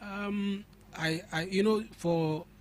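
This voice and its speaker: Speaking slowly with fairly even intonation in a voice that sits high, a young studio guest argues emphatically on a radio talk show. He has a Ghanaian English accent and often repeats words as he builds his arguments.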